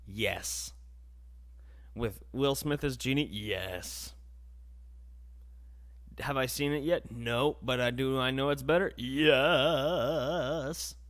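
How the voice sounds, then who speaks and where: A man's voice: mid-range voice, extremely slow, pauses often, a bit bright. A young man hosting a podcast, ranting in a casual, sarcastic, rambling way. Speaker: podcast host. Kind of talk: casual comedic rant.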